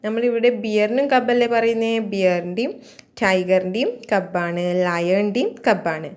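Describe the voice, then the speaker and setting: A woman teaching young children, slowly repeating each word so they can learn it. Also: mid-range voice, a little mellow. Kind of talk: children's vocabulary lesson.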